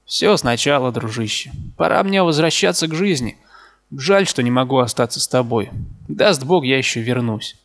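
A man voicing a restless young drifter, gravelly. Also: medium pitch, expressive, normal speed, lightly acted. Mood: hurried. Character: restless young man leaving his sick friend.

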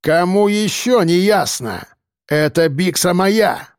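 A man's voice: high voice, animated, slow pace, dry recording, clean studio sound, pitched above the performer's own voice. A man voicing a brutal male convict gang leader who barks crude slang threats, in an audiobook. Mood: commanding. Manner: coarse, barking slang threats.

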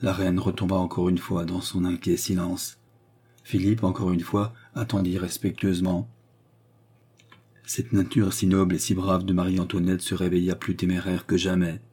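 A man reading a classic novel aloud as an audiobook, with measured storytelling and lightly voiced dialogue. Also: sits low, little pitch movement, darkish tone, husky. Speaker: audiobook reader. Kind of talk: scripted narration of a classic novel.

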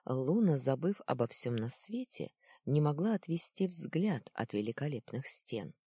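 A woman reading a children's fantasy story aloud, acting out the dialogue with big pitch leaps. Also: dark tone, husky, dry recording, clean studio sound. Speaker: audiobook narrator. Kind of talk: expressive storybook narration.

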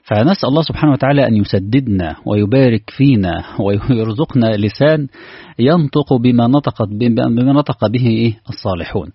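Egyptian sheikh preaching fast, husky voice, earnest, dull lo-fi recording. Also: male voice, medium pitch, dry recording. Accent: Egyptian Arabic. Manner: earnest, asks the audience rhetorical questions. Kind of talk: conversational sermon.

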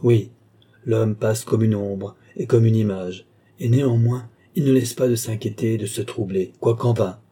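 A man voicing a male pastor who reads funeral scripture slowly and solemnly. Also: on the low side, steady tone, mellow, breathy edge. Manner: slow, solemn liturgical reading.

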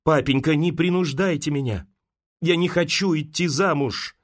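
A man's voice: on the high side, normal speed, lightly acted. A man reading an audiobook, voicing a frightened young noblewoman who pleads with her father in a raised, tearful voice. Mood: pleading.

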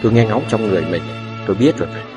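Guy doing a dying mom, quiet and low, whispery, resigned, music behind. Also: expressive, rapid-fire, close to an everyday voice. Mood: weak resigned. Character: dying middle-aged village mother, weak and resigned. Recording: distant mic with background music.

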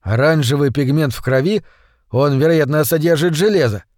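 A thoughtful male scientist lays out his reasoning step by step, voiced by the male narrator. The audiobook voice sits a little above average pitch and has a close, dry sound. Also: darkish tone, no echo, close to an everyday voice. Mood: explaining. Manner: measured explaining.

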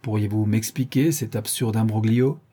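Narrator doing a commanding old count, dark and husky voice, storybook reading. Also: male voice, fairly low pitch, fairly even intonation, normal speed. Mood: authoritative. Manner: dry, commanding, sly. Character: stern but kindly aging count, governor. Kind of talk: audiobook reading.

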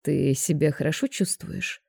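A woman's voice: low voice, unhurried, creaky, a little mellow, husky, no room sound, studio quality, pitched below the performer's own voice, full character voice. Woman voicing a cocky young TV host guy. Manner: smug, mocking. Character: cocky young male TV presenter, teasing.

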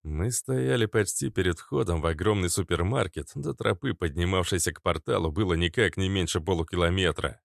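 A man narrating an adventure audiobook in the first person, steady and even, on a close studio mic. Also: deep voice, fairly quick, gravelly, few pauses, no room sound.

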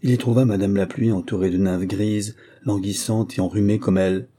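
A man narrates a fairy tale as a scripted audiobook, his low voice very dark and husky, his delivery calm and measured.

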